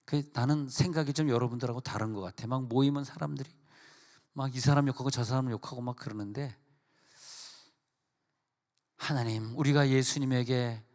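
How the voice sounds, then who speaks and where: A middle-aged man, the senior pastor, preaching a sermon and acting out quotes with asides to his congregation. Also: medium pitch. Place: church sanctuary. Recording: long reverb of a church hall.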